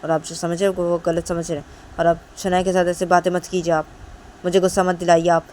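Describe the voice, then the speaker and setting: A woman's voice: fairly low pitch, flat delivery, a little fast, darkish tone, a little hiss or hum, natural voice, poor audio. A woman voicing a young woman who firmly defends her girlfriend to her mother. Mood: insistent. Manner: firm, insistent.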